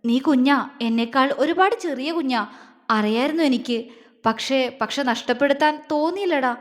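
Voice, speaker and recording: A woman's voice: high-pitched, normal speed, in a large hall, close to an everyday voice. A woman voicing a tender, anxious husband who is fifteen years older than his wife, in a read-aloud romance story. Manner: pleading, emotional questions.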